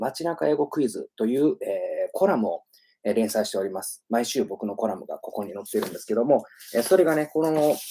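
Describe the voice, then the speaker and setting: A man's voice: on the low side, dark tone, slight background noise. A man hosting a casual livestream as an English pronunciation teacher, chatty and self-promoting, with many fillers.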